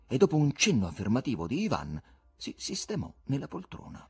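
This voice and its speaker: A man reading a novel aloud as an audiobook, with an expressive, theatrical delivery. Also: mid-range voice, fairly quick, gravelly, slightly rough. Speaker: audiobook reader. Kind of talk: literary audiobook narration.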